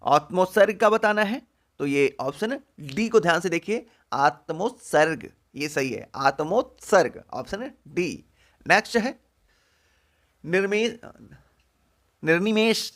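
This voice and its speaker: A man teaching exam prep, going through spelling answers one by one and repeating each word slowly with drawn-out syllables. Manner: drops low and soft at the end of each answer.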